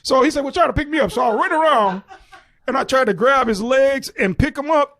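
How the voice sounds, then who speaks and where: A man with a very high voice tells a story on a podcast. He is animated and swears freely, and he acts out each person in the story. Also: brisk. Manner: animated, profane, acts out the people in his story. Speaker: podcast guest. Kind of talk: casual storytelling.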